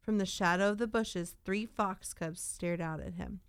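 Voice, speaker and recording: A woman who works as a preschool teacher, reading a children's picture book aloud in an animated, unhurried storytelling way. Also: lowish voice, clear, resonant tone, no echo, clean studio sound.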